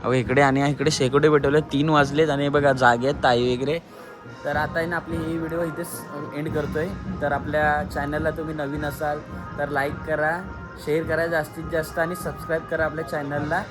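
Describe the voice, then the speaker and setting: A man's voice: a little high, level tone, fairly quick. A man narrating a family trip vlog outdoors at night, chatty and always pointing things out to his viewers. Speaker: vlogger filming a family trip. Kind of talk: casual handheld vlog narration. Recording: music and crowd chatter behind.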